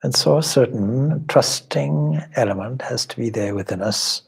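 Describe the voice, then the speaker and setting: A spiritual teacher guides a meditation in a husky, mid-range voice with vocal fry, giving slow instructions in measured, deliberate short phrases. His wording is formal and contemplative, broken by long pauses.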